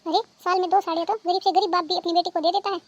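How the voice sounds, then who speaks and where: A woman voicing a stern, sharp-tongued village mother-in-law in a cartoon. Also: very high-pitched, level tone, very fast, lo-fi sound. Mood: scolding. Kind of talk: cartoon dubbing.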